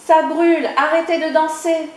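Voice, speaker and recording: Lady putting on a squeaky brave little chick, storybook voice, big echoey room. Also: flat delivery, moderate pace, close to an everyday voice. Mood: crying out. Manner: high, cries out loudly. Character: small brave male chick, plucky and shrill. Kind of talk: children's storybook reading.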